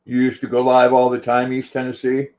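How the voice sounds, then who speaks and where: A man's voice: mid-range voice, completely flat delivery, fairly quick, darkish tone. A man chatting casually and jokingly on a livestream. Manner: joking, prone to laughing. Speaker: livestream participant. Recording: dull, lo-fi livestream audio.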